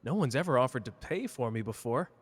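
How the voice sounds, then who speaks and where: A man's voice: mid-range voice, expressive, fast talker, lightly acted. Man acting cocky, flirty Gojo in long reverb. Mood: playful, flirty. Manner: teasing, casual, boastful. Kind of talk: ASMR character roleplay addressed to listener.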